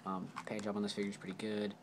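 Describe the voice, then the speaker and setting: A man's voice: fairly low pitch, completely flat delivery, racing, a little hiss or hum. A man casually reviewing action figures on camera, rambling with lots of fillers and apologies. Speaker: toy reviewer. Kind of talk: casual toy review vlog.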